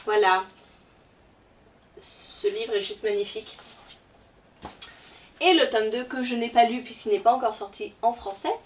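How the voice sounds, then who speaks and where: With a voice on the high side and a darkish tone, a woman hosts a relaxed book haul vlog, talking chattily and hesitantly with lots of filler words. A distant microphone captures her along with faint background noise.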